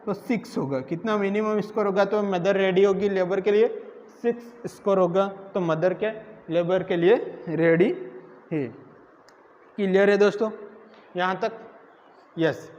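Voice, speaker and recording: This man speaks in a high, steady voice that's a little mellow, taking his time and leaving long pauses. He's lecturing a nursing exam class, asking students questions only to answer them himself, recorded in an echoey room with dull lo-fi audio and faint noise.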